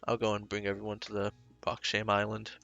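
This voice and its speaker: A man narrating as game master of a tabletop game, laid-back and halting. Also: fairly low pitch, completely flat delivery, gravelly, sharp tone, highs cut off, faint music behind.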